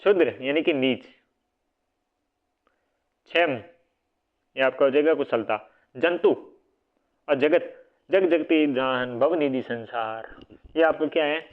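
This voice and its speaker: A man's voice: fairly high pitch, slow pace, long pauses. A man teaching a casual exam-prep spelling lesson, repeating each word and quizzing his listeners, sometimes correcting himself. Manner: repeats words, quizzes listeners with "what will it be?"; self-correcting, casual asides. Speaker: Hindi grammar teacher. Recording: phone-like narrow band audio.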